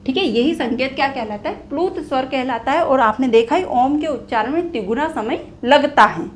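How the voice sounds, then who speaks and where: A woman's voice: sits high, normal speed, slight background noise. A young woman teaching Hindi grammar, repeating key phrases and asking and answering her own questions. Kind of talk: whiteboard lesson explaining grammar.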